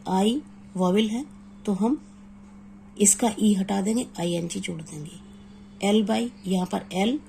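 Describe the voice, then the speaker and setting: A woman teaching an exam-prep grammar lesson, reading English rules slowly word by word and then explaining them. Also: mid-range voice, gravelly, dark tone, slight background noise, rough recording.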